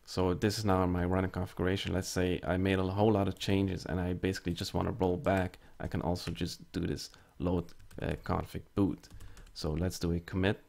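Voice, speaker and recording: Low gravelly man explaining a tech demo. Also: little pitch movement, fairly quick, few pauses, darkish tone. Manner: casual step-by-step explaining with fillers. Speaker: network tutorial presenter. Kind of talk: screen-recorded tech tutorial.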